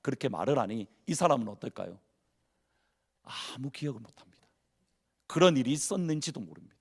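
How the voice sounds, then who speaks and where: A man's voice: medium pitch, very animated, fairly quick, gravelly, breathy edge. A male pastor preaching a sermon in a church, asking the congregation questions and acting out people's inner worries. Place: church sanctuary.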